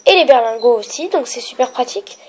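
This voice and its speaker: A young woman with a stuffy nose from a cold, explaining a craft tutorial at home with many fillers and soft, trailing phrases. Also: on the high side, lively intonation, brisk, low-quality recording. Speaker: polymer clay tutorial maker.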